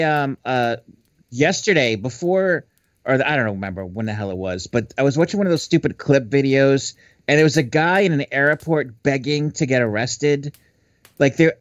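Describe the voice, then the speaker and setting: A man's voice: mid-range voice, animated, moderate pace, no room sound. A man guesting on a podcast in casual chat, laid-back and rambling, talking over a call mic. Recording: dry, dull lo-fi call audio.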